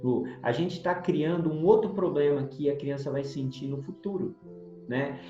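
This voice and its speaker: A man's voice: on the high side, normal speed. A man co-hosting a spiritist book study, talking in a conversational way and often turning to his co-host. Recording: roomy sound, dull lo-fi, soft music.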